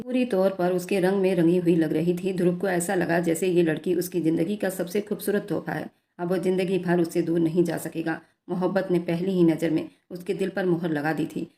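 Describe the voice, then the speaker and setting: Woman storyteller, low and mellow, steady scripted narration.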